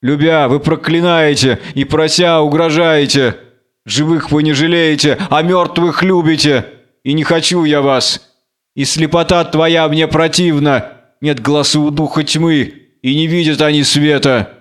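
A man's voice: fairly high pitch, fairly even intonation, a little slow, smooth, natural voice. A man voicing a blinded strongman hero, proud and wrathful, speaking in impassioned outbursts. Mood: proud anger.

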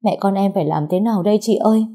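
A woman's voice: medium pitch, rapid-fire, mellow, pitched above the performer's own voice, natural voice. A woman voicing a tearful, pregnant young woman who pleads with her older sister. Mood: tearful pleading. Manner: sobbing, pleading.

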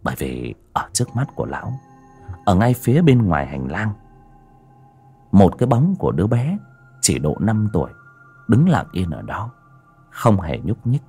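Male horror story narrator, deep and husky, lively pitch, soft music underneath. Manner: slow, suspenseful storytelling.

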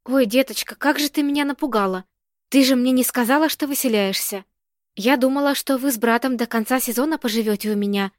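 A woman's voice: fairly high pitch, a little fast, no echo, close to an everyday voice. A woman reading the lines of a fussy, talkative old landlady who chatters and frets, in a dry, close-sounding recording. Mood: fretful. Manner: chattering, fretful.

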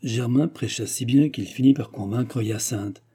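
A man reading a classic novel aloud in measured, scripted narration. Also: mid-range voice, warm tone, husky. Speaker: audiobook reader.

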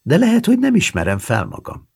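A man's voice: huge pitch swings, vocal fry, breathy edge, full character voice. A man voicing an anxious, sheltered elderly grandmother in an audiobook reading. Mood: worried. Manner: high, pleading old woman's voice. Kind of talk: audiobook character voice.

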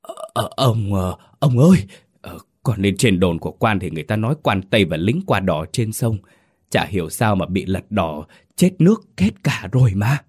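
A man's voice: on the low side, sing-song, normal speed, darkish tone, breathy edge, dry recording, studio quality. A man voicing a terrified skinny young servant who stammers and pleads with his master.

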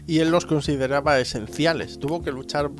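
Higher-voiced Spanish man discussing films. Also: steady tone, brisk, faint music behind. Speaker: podcast panellist. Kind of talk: casual film discussion.

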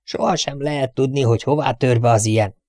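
A man's voice: medium pitch, a little mellow, no room sound, clean studio sound, natural voice. A man voicing a strict, nagging older housekeeper who scolds her absent-minded employer. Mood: scolding. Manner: scolding, prim and indignant.

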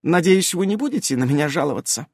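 A man putting on a wheedling young fox-witch woman from a storybook, whining in a high, lively voice, set close in a dry room. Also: fast, breathy edge, no room sound. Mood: whiny. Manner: whining, ingratiating.

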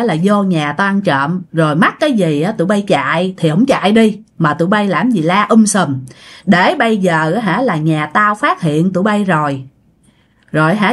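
A woman's voice: mid-range voice, close to an everyday voice. Stern old landowner, told by a woman. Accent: Southern Vietnamese. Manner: scolding, commanding. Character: stern older male landowner, harsh and scolding.

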